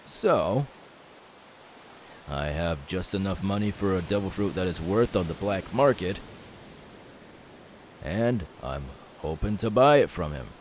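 Man playing low-voiced, easygoing young pirate captain, Portgas D. Ace. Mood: confident, relaxed. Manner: easygoing, unhurried, reassuring. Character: young male pirate captain, confident, friendly, loyal to crew. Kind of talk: ASMR audio roleplay. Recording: steady background hiss.

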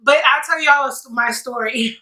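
Seated at a table indoors, a late-30s mukbang vlogger talks casually to camera over her meal in a sassy, playful, rambling way. She has a high, pushed, bright voice at a normal pace. The mic is distant and the room echo is noticeable.

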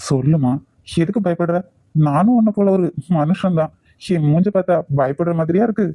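A man's voice: a little high, fairly quick, dark tone, no echo, close to an everyday voice. A man voicing a cocky male college senior with a Kanyakumari Tamil accent, teasing and domineering.

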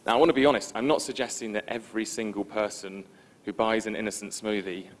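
A man giving a conference presentation in a relaxed, informal, self-deprecating way, with frequent ums. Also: lowish voice, fast talker. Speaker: conference speaker. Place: conference stage before an audience.

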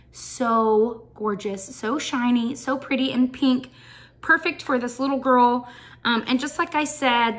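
A woman's voice: a little high, fairly bright tone. A woman chatting through a show-and-tell vlog as she packs a gift box, enthusiastic and full of ums. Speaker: shoebox packing vlogger.

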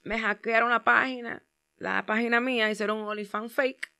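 A hoarse young woman, a music artist being interviewed, talking in a bashful, hedging way with many fillers. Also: a little high, steady tone, normal speed, bright, forceful tone. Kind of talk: casual interview chat.

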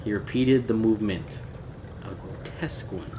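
A man reading a gothic horror story aloud in a measured, theatrical way. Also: lowish voice, dark tone, slight background noise. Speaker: audiobook reader.

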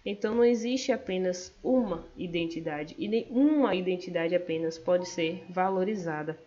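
With a warm, lowish voice and a moderate pace, a Brazilian student presents to her class over slides, her accent Brazilian Portuguese. She works through the material step by step, hesitating now and then with fillers, on a dull, lo-fi recording.

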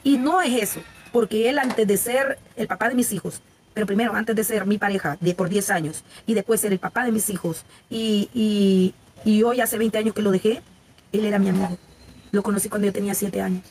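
A Salvadoran woman in her forties talks candidly to viewers on a live stream, and her voice sits at a medium pitch. She is chatty and frank and restarts her sentences often. Faint background noise and small clicks run under her voice. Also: fairly even intonation, fairly quick, a little mellow. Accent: Salvadoran Spanish. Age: 40s. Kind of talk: casual live-stream chat.

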